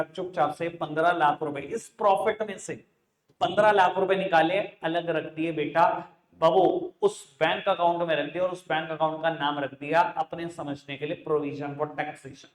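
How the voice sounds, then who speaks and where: Echoey Indian male accounts teacher. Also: sits high. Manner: affectionate, addresses students as beta, repeats points. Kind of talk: classroom lecture.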